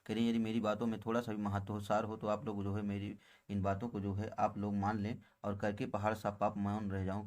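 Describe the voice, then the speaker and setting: Low, flat-voiced male poetry teacher. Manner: recites each verse slowly, then paraphrases it in plain words; addresses viewers as friends, with frequent filler phrases. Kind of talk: explaining a Hindi poem line by line.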